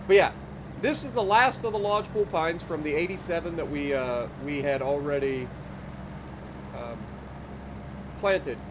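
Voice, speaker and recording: Over background noise, a man's fairly high voice moves at a normal speed with long pauses. A gaming YouTuber with a stuffy, nasal sound, he offers casual, easygoing let's-play commentary on his farming game, thinking aloud and using fillers.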